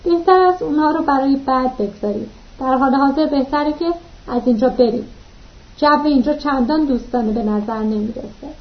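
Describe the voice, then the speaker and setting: A woman reading the lines of a calm, practical man travelling with the narrator, in a matter-of-fact manner, in a dull lo-fi recording. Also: high-pitched.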